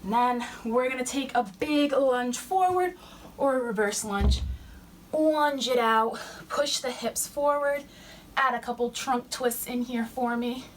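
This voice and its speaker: A young woman fitness instructor cueing warm-up moves while she exercises, a little out of breath. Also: fairly high pitch, measured pace. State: slightly out of breath. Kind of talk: workout instruction. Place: fitness center. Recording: distant mic with faint room noise.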